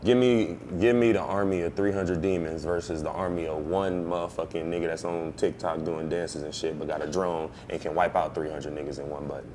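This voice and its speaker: A blunt, low-voiced man swearing freely. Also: steady tone, a little fast, few pauses, darkish tone, slight background noise. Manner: blunt, profane, insistent. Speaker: podcast host. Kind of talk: casual heated debate.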